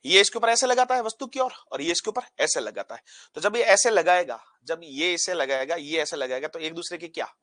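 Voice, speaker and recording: A man with a slightly high, bright voice teaches physics in a dry, close-sounding recording. He fires questions at the class and answers them himself, repeating each key term. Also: a little fast, no room sound. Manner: call-and-response questions, repeats key terms; animated, acts out particles pushing apart. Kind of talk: classroom lesson at a board.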